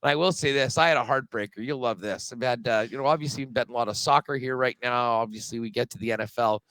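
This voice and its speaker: Brief: male betting co-host heard over a video call, dry sound, bright tone, rambling casual delivery. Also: medium pitch, fast, smooth, dry recording. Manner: chatty, loose, with frequent um and uh. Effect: remote guest on a video call. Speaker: sports betting podcast co-host. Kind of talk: casual sports betting chat.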